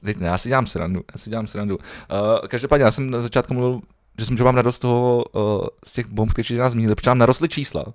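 A man's voice: medium pitch, steady tone. A man from Prague with a Prague Czech accent, co-hosting a casual podcast, laid-back and chatty, laughing often. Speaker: podcast co-host.

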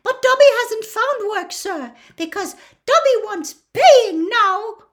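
A woman's voice: very high voice, expressive, takes it slowly, fairly bright tone, voice pushed up, heavily acted. A woman voicing a small, eager male house elf who talks shrilly in broken grammar and keeps saying "sir".

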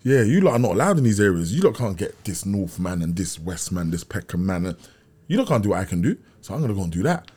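Speaking low, very animated and fast, this man has a slightly mellow, husky voice. He's from Brixton in south London, and as an interview guest he tells stories casually in a South London accent, using street slang and often checking he's understood.

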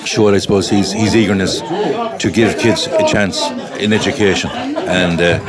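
A man's voice: deep voice, a little slow. A man from County Clare with a west of Ireland accent, reminiscing thoughtfully and hesitantly in an interview. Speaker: interviewee sharing memories of a friend. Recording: music and loud crowd behind. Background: music and crowd.

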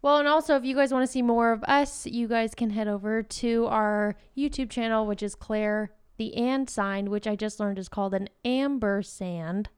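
Teasing woman podcaster with a smooth voice. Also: on the high side, moderate pace, hardly any pauses. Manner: teasing, frank. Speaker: podcast co-host. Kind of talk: casual couple chat.

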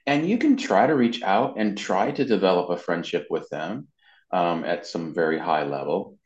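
An interview guest who works as a marketing and web consultant gives informal, explanatory advice, dropping "you know" to check in as he goes. His deep voice is darkish and lively at a moderate pace, though the lo-fi sound is muffled with a roomy echo.

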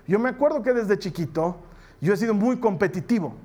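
A man preaching a conversational sermon, telling humorous personal stories and slowing down to stress key points. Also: high voice, lively intonation, dark tone. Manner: humorous, storytelling, slows for emphasis.

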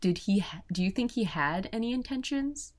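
A woman's voice: medium pitch, expressive, moderate pace. A woman co-hosting a podcast, chatting casually about a TV episode, asking curious questions and laughing often. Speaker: podcast co-host. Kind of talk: casual chat recapping a TV episode.

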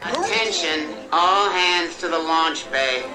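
A woman playing a camp loudspeaker announcer, reading notices in a flat, deadpan way over an echoey loudspeaker. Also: deep voice, slow pace, background noise. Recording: echoey loudspeaker, dish clatter behind. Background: clattering dishes and cutlery.

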